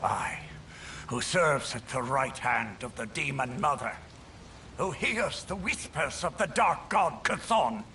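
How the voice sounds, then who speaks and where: An actor playing a fanatical, grandiose villain commander in a video game, imperious and theatrical. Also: male voice, sits high, very animated, takes it slowly, hardly any pauses, pushed and bright, slight background noise, full character voice. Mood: menacing.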